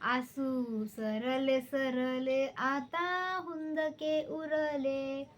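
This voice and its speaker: Slow-chanting schoolgirl reciting verse. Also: sits high, little pitch movement. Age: teens. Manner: drawn-out, chanting delivery of verses. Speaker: student reciting poems. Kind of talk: slow poetry recitation, partly sung.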